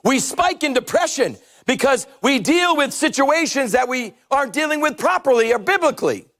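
A middle-aged man preaching a humorous, animated sermon on a church stage with a headset mic, now and then shouting his points. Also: very high voice, moderate pace. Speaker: pastor.

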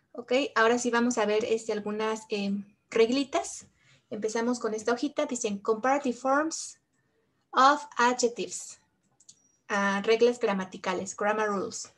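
A woman teaching English grammar, patiently repeating each example in two languages. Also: fairly high pitch. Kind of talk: bilingual grammar lesson.

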